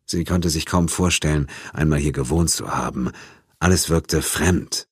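A man narrating an audiobook in an even, measured storytelling manner. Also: a bass voice, breathy edge, no echo, clean studio sound. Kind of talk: scripted narration.

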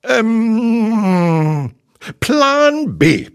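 A man's voice: high-pitched, big pitch swings, very slow, voice pushed up, exaggerated voice. A man voicing an eager, cheerful male tiger in a storybook reading.

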